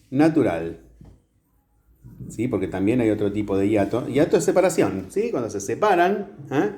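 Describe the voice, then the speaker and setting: A man's voice: mid-range voice, dark tone. A male teacher explaining a grammar lesson at a whiteboard step by step, often checking in with the class.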